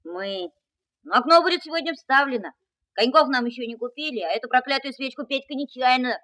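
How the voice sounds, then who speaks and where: A woman's voice: high-pitched, animated, brisk, a bit bright. A woman acting a supporting part in a scripted drama. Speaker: supporting actor.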